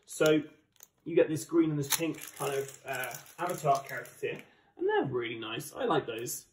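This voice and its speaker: English guy chatting excitedly through a board game unboxing, bit high voiced, echoey room. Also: moderate pace. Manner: chatty, enthusiastic. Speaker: board game channel host. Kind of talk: casual unboxing commentary. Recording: roomy, distant microphone.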